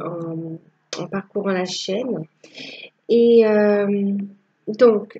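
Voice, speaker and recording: Slow, soft-toned woman reading tarot. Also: mid-range voice, dull audio. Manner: halting, repeats phrases. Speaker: tarot reader.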